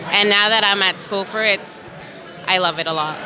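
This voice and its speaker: A woman's voice: mid-range voice, moderate pace, a crowd in the background, poor audio. A young woman from Brooklyn answering interview questions as a college cadet, in earnest, simple sentences. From Brooklyn, New York. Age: young adult.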